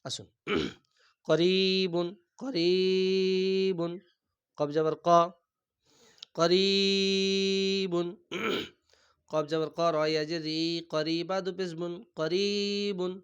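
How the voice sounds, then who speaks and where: A man leads a recitation class, slowly spelling out letters and vowel marks one by one. His voice is smooth and clear and sits a little high. He clears his throat often as he goes. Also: fairly even intonation, lo-fi sound. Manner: patient, repeats each syllable slowly. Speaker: Quran teacher.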